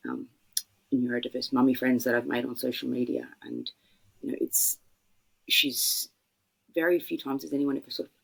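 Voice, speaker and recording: Husky, gravelly Australian woman, reflective. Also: a bass voice, low-quality recording. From Sydney, Australia. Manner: reflective, halting, many fillers. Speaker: podcast guest. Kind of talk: casual conversational interview.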